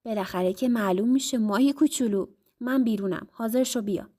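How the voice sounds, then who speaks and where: A woman's voice: on the high side, mellow, natural voice. A woman voicing a cocky, teasing young husband in a told story. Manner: teasing, mocking.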